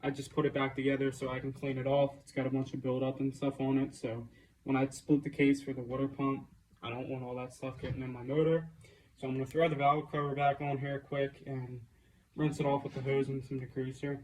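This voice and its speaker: A man's voice: medium pitch, flat delivery, brisk, darkish tone, a little hiss or hum, low-quality recording. A man talking plainly and matter-of-factly as a home mechanic, in a casual how-to vlog style. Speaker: home mechanic presenting a dirt bike engine rebuild.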